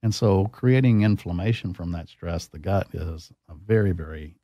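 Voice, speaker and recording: A doctor appears as a guest expert in an explanatory interview, explaining things in a teacherly way and quizzing the host. His voice is low and his speed normal. The recording has no echo but sounds lo-fi.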